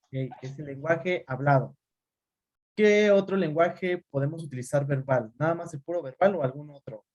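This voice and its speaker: A man's voice: fairly high pitch, moderate pace, a little mellow, muffled recording. A man teaching a class over a video call, calling on students by name and explaining with examples. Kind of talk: online class lecture.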